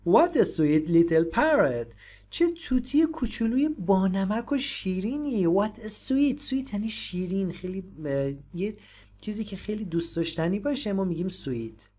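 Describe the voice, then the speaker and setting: A woman with Persian as her first language, teaching English and patiently explaining phrases, repeating them slowly. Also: medium pitch, animated, mellow.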